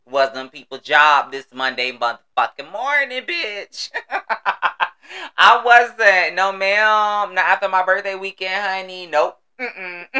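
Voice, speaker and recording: A man with an American accent and a bright, crisp voice, chatting solo as a podcast host. He is sassy and exuberant, leaning hard on emphatic phrases and swearing freely in loose slang. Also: medium pitch. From United States. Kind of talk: casual solo podcast chat.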